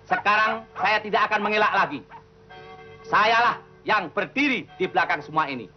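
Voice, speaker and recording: Cowboy outlaw boss, played by a male actor: very high voice, grandiose and menacing, old comedy Western with dull sound. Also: moderate pace, soft background music, lightly acted. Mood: boastful, commanding. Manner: declamatory, grandiose. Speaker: actor playing a Western villain. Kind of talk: 1970s comedy Western film acting.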